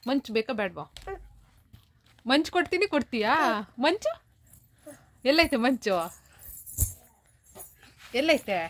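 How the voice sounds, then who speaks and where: A woman's voice: high-pitched, big pitch swings, unhurried, long pauses. A woman speaking with a Kannada accent, coaxing and bargaining with a toddler at home in sing-song baby talk. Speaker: vlogger parent.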